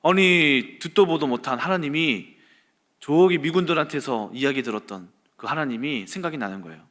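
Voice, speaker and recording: A pastor giving a church history lecture at a service, with animated storytelling. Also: male voice, on the high side, moderate pace.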